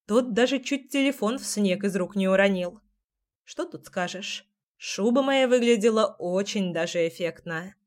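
A woman's voice: medium pitch, normal speed. Woman reading a wry story aloud. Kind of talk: first-person audiobook narration.

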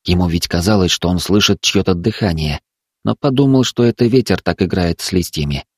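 A man narrating a dramatic story in a measured reading. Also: low voice, slightly rough, dry recording, studio quality.

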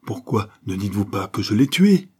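A man's voice: on the low side, big pitch swings, moderate pace, warm tone, slightly rough. A man reading an audiobook voices a bitter, sickly young man who answers curtly and resentfully. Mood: hostile. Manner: curt, resentful.

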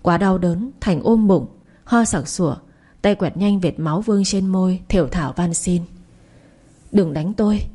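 A woman narrating a dramatic story in a steady, scripted reading. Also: on the low side, normal speed, breathy edge.

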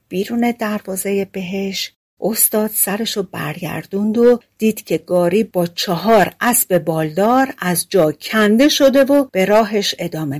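A woman reading a fairy tale aloud as an audiobook, in a conversational storytelling manner, recorded close to the mic. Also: mid-range voice. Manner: conversational spoken storytelling with lively character voicing. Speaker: audiobook narrator. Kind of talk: storytelling narration of a folk tale.

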